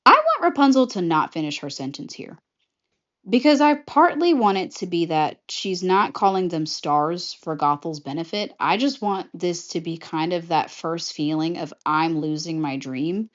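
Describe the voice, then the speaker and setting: Chatty woman pitching a film scene by scene, lower-pitched, expressive, lo-fi audio. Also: normal speed. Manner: animated, chatty, jumps into character voices. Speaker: vlogger pitching a film idea. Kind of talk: casual retelling of a movie pitch. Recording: slightly muffled lo-fi audio.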